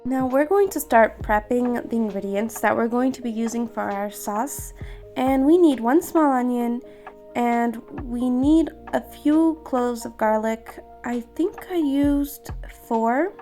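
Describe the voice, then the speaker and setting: Slightly scratchy higher-voiced woman, casual cooking voice-over. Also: slow, dark tone. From Portugal. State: slightly scratchy throat, voice a little off. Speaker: home cook hosting a recipe vlog. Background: background music.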